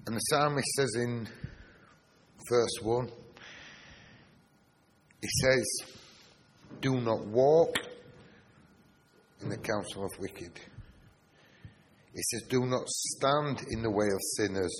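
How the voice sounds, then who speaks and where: In a church hall, a man from Yorkshire, England preaches a sermon with a Yorkshire accent, stressing key words and asking the congregation rhetorical questions. He speaks slowly with long pauses at medium pitch, and the hall is reverberant with faint noise.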